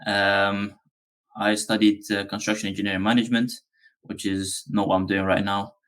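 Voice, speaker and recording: This Afghan man, a company founder appearing as a podcast interviewee, has a lowish voice and speaks at normal speed. He meanders comfortably through his answers with plenty of ums and uhs.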